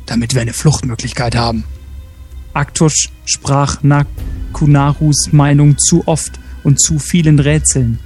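A man reading a story aloud as co-host, steady with small slips and self-corrections. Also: fairly high pitch.

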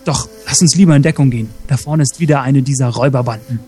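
Wary sellsword soldier, read by a male narrator, urgent and hushed. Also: medium pitch, fast, husky, faint music behind, natural voice.

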